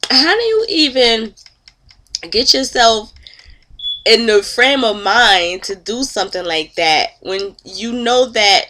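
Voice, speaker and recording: Chatting and gossiping to camera indoors at home, a thirty-something vlogger sounds nasal and stuffed up from a cold. Her voice is fairly high, animated, pushed and bright, with a slow pace, and there is a little hiss or hum; her commentary is chatty and openly disgusted.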